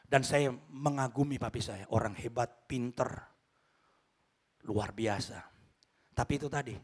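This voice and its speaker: A male pastor with a mid-range voice preaches a sermon, telling a story and speaking directly to the congregation. He swings between loud outbursts and hushed lines.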